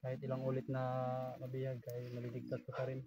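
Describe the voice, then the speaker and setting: A man chatting casually outdoors on a mountain, measured and repeating himself as he thinks. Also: medium pitch, monotone, noisy background. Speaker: vlogger on a jungle outing. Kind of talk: casual chat among friends. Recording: distant, dull lo-fi outdoor mic.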